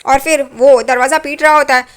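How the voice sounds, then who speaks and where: A woman with a high voice retelling events in a relaxed, chatty way. She drops opinionated asides as she goes, casual and conversational. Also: brisk. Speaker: serial recap narrator. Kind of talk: casual storytelling recap.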